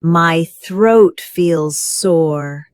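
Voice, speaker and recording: Low-pitched woman reading very slowly. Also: no room sound, clean studio sound. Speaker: lesson voice reading example sentences. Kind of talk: slow acted example sentences.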